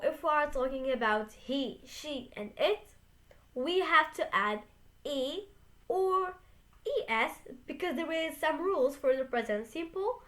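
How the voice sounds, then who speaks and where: Host: young woman, high voice, unhurried, careful lesson delivery, leans on example words. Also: pushed and bright. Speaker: English teacher, channel host. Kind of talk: beginner English lesson.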